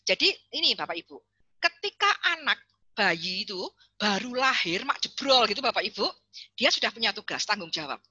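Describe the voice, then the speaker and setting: Lively woman giving online parenting talk. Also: mid-range voice, moderate pace, no room sound. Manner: lively, chatty, addresses parents and reads chat names. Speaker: parenting seminar speaker. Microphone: video call.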